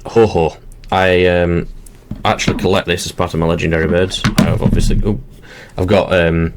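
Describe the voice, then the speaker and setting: A man's voice: deep voice, flat delivery, moderate pace, very noisy. A man hosting his channel, chatting casually and talking himself through each step as he opens card packs at his desk. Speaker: channel host. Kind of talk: casual commentary while opening card packs.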